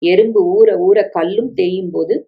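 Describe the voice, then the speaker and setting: A woman reading a family story aloud as narrator, measured and reflective. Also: mid-range voice, highs cut off. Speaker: story reader. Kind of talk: scripted narration.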